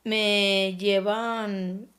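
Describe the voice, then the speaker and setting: A woman with a Mexican accent recounting her own story as an anonymous podcast guest, halting and often trailing off softly while she searches for words. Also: medium pitch, level tone. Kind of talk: personal testimony on a podcast.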